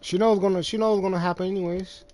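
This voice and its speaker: A man's voice: high-pitched, steady tone, quick pace, darkish tone. A man live-streaming a game, chatting casually in loose, profane, teasing banter.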